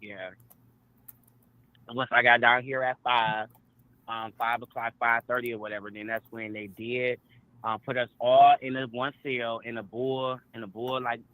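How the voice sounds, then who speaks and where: A man's voice: mid-range voice, no room sound. Blunt man over a tinny speakerphone. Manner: blunt, profane, weary talk. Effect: heard over a phone on speakerphone. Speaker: interviewee just released. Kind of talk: casual street interview. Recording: tinny phone line.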